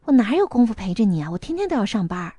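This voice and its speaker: A woman voicing a grown daughter who protests quickly and in exasperation. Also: medium pitch, sing-song, dark tone, breathy edge, dry recording, studio quality. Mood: exasperated.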